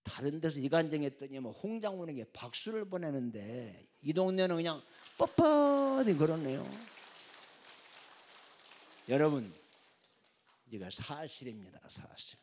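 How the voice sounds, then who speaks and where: An older pastor preaching a sermon in a church. His pitch sits a bit high and swings widely as he tells a story. He acts out the voices, going from loud shouts down to near whispers. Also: sing-song, a little slow. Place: church sanctuary.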